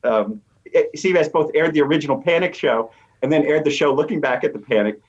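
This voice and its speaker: This older or middle-aged American professor talks fast in a higher-than-average register while being interviewed. He explains with emphasis but keeps it conversational, and the recording comes across as dull and somewhat lo-fi.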